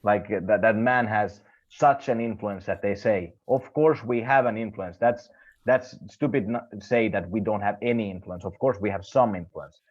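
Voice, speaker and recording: Male co-host, middle pitch, blunt ranting chat, muffled lo-fi recording. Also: normal speed. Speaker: podcast co-host. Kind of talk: casual chat. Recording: slightly dull lo-fi sound.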